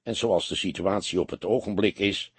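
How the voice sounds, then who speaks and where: A husky-voiced man reading the part of a weary, gloomy police detective who explains things in a measured way. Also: low-pitched, no room sound.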